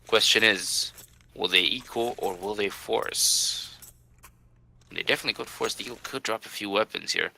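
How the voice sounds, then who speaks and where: Man, esports caster, live play-by-play, sharp bright voice, excitable, suspense-building. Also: lowish voice, normal speed, vocal fry.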